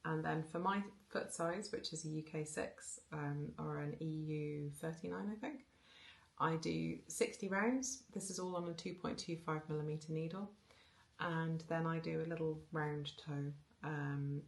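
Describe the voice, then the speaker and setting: Low, gravelly Home Counties Englishwoman. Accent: generic Home Counties English. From South Wales. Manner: chatty, rambling, with fillers and restarts. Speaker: knitting podcaster. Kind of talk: casual chat about knitting.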